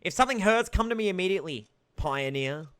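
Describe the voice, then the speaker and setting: A man voicing a flirty adult female camp nurse, reading her lines in a low, teasing, slightly mocking way. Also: lively intonation, fast talker, fairly bright tone, clean tone.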